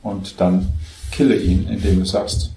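Calm low-voiced man teaching, roomy echo. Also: unhurried, faint music behind. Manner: patient, explaining step by step. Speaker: spiritual teacher. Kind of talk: spiritual dialogue on self-inquiry.

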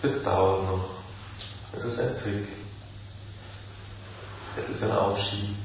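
Guy giving a calm satsang talk, lowish voice, echoey room, far from the mic, kinda dull sound. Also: slow pace, noisy background. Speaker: spiritual teacher.

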